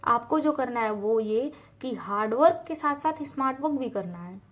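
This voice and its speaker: Speaking at normal speed with a fairly high, fairly bright voice and lively intonation, this student-advice vlogger from India talks casually to camera. She's earnest and direct, restating key points and mixing in English phrases.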